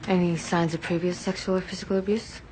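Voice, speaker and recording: An actress playing a police lead who asks brisk, businesslike questions. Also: female voice, fairly low pitch, flat delivery, natural voice. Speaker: lead investigator. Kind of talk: TV crime drama acting. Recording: background noise.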